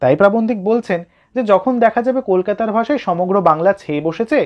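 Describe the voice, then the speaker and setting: A man's voice: sits high, lo-fi sound. A man teaching an exam-prep literature lesson, explaining a text line by line and speaking directly to his students.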